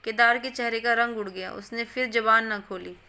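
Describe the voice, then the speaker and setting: Woman reading a story aloud, slightly high. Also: steady tone, moderate pace, bright, forceful tone. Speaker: story reader. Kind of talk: storybook narration.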